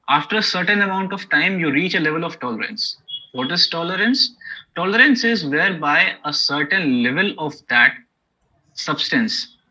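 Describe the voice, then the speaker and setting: This lecturer, a man with an Indian English accent, walks through academic material step by step, peppering it with "okay?" and "you know." His voice runs a little high and sounds pushed and bright, captured on a dull lo-fi recording.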